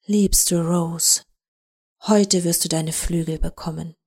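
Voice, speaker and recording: A woman reading the part of an obsessed female forensic doctor in a crime story, speaking in a hushed murmur. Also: lowish voice, fairly even intonation, slow pace, slightly rough, exaggerated voice. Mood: tender.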